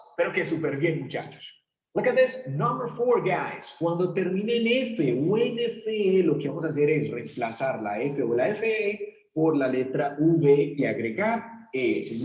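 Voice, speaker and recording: A Spanish-speaking man teaches English plurals, his voice sitting a little high and swinging widely in pitch as he quizzes the class. He stretches out each example word slowly. The sound is roomy and echoey, with a dull, lo-fi quality. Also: darkish tone. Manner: switches between Spanish and English, asks the class questions; draws out example words slowly. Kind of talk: classroom grammar lesson.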